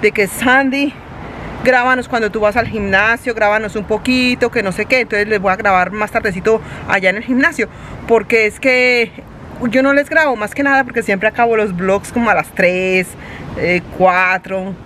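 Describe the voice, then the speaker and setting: A woman's voice: mid-range voice, normal speed, a bit bright, a little hiss or hum. A woman in her forties chatting casually to her phone camera from a parked car, talking loosely with rambling asides. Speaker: vlogger. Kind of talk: casual vlog chat. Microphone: phone at arm's length.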